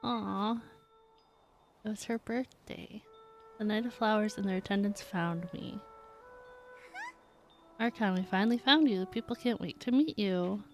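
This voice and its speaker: Faint music plays behind a woman who reads game text aloud and chats casually while streaming. Her mid-range voice moves at a measured pace, with frequent pauses.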